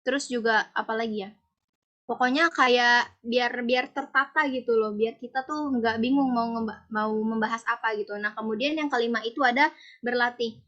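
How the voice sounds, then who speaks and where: Young woman, student presenter, casual halting delivery, filler-heavy, muffled recording. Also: on the high side, fairly even intonation, a bit bright. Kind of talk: class presentation. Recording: dull lo-fi recording.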